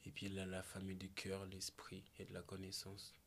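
A man from Malawi talking slowly and thoughtfully as a podcast guest, with searching pauses and restarts. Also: deep voice, completely flat delivery, a bit bright, a little hiss or hum. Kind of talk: reflective conversation.

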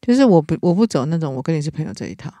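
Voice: medium pitch, big pitch swings, racing, dark tone, no echo, studio quality. 一位带台湾口音的老师，在闲聊中恳切地讲自己的经历，常常停顿重说。. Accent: Taiwanese Mandarin. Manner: earnest, with frequent restarts. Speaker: teacher, podcast co-host. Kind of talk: casual chat, personal story.

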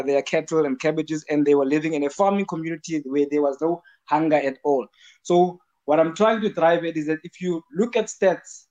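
This fairly high, slightly mellow male voice comes through dull, lo-fi online voice chat. He's in a live audio room making a casual argument, explaining his point earnestly and repeating words as he goes.

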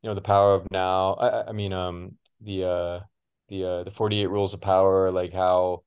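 Laid-back male co-host with a low-ish voice who rambles and swears casually. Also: level tone, normal speed, a little mellow, smooth, highs cut off. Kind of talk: casual podcast chat.

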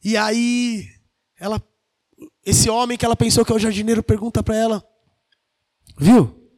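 A man's voice: sits high, level tone, fairly quick, darkish tone, no room sound, clean studio sound. A man preaching an informal sermon, retelling a scripture story in slangy, dramatic style.

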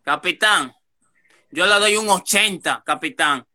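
A man telling a story fast in a casual chat, acting out the quoted lines. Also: high voice, pushed and bright.

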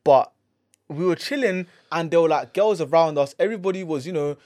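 A man's voice: fairly high pitch, fairly quick, darkish tone, dry recording, studio quality. A young man with a London roadman accent bantering and telling stories casually, full of street slang and repeated words. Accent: London, urban street slang. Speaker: podcast co-host.

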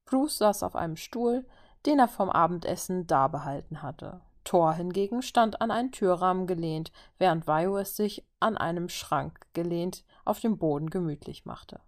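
A woman's voice: on the low side, animated, normal speed. A woman reading a story aloud as narrator, lifting her voice for each figure's lines. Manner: reads all figures in turn, lifting her voice for dialogue. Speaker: reader.

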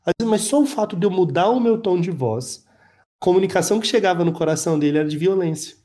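A man, telling an emotional personal story as a panel guest, reflective and halting. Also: sits high, lively intonation, mellow. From Brazil.

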